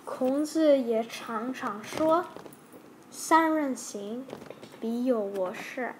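A woman teacher slowly reading a simple story aloud for learners, with careful, halting phrasing. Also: fairly high pitch, a little hiss or hum, low-quality recording.

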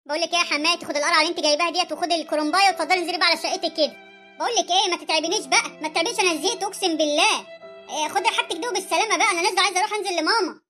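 A woman's voice: extremely high pitch, rapid-fire, bright, forceful tone, faint music behind. A woman voicing a rude, impatient young daughter-in-law in an Egyptian cartoon story, snappy and dismissive, with an Egyptian accent.

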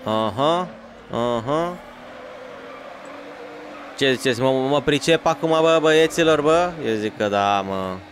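A male gaming YouTuber talks through a racing game in excitable, slangy bursts, calling out points and teasing his viewers. His voice sits at an ordinary mid pitch. Faint engine and game noise runs underneath. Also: pauses often. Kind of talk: let's play commentary.

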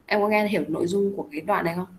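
A woman's voice: fairly low pitch, fairly even intonation, rapid-fire, a little mellow, a little hiss or hum, rough recording. A young adult woman teaching an English class. She explains each phrase step by step. She keeps coaxing her students with repeated questions.

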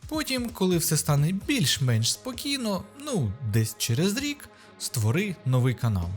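A man's voice: a little high, huge pitch swings, measured pace, faint music behind. A man with a Ukrainian accent hosting his channel, narrating a mock guide in a sarcastic, ironic tone. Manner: mocking, ironic. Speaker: YouTube host.

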